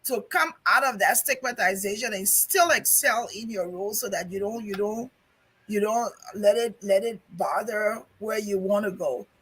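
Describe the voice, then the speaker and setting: A woman's voice: mid-range voice, moderate pace, a bit bright, slight background noise, rough recording. A woman host chatting casually and asking questions on a talk show.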